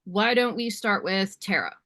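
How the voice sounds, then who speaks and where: A woman hosting a community meeting on a video call, reading out announcements in a brisk, businesslike way. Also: mid-range voice, expressive, vocal fry, pushed and bright, no echo, clean studio sound. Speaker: meeting host. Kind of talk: running an online community meeting.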